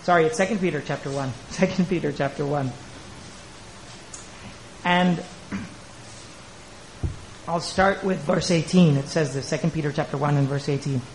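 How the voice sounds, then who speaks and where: A man, a pastor, preaching a sermon with emphatic rhetorical questions and slow, stressed phrases. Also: a little high, slight background noise, rough recording.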